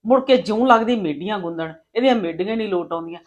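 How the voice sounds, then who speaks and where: A woman's voice: mid-range voice, lively intonation, fast, lo-fi sound, lightly acted. A woman playing a complaining, gossipy elder sister-in-law in a film drama scene. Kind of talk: short-film drama dialogue.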